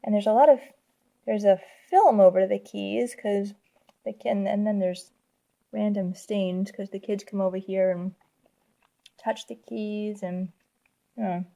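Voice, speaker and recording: A woman's voice: medium pitch, fairly even intonation, a little slow, gravelly, warm tone. A woman in her thirties chatting casually to the camera at home, rambling and thinking aloud with many restarts. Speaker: vlogger. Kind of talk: casual home vlog chat. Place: family house indoors.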